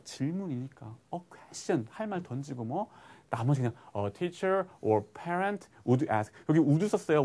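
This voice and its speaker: Man teaching English, quizzing himself aloud. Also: fairly high pitch. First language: Korean. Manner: lively explaining, asks and answers his own questions; reads English phrases slowly, then translates. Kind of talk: broadcast English lesson.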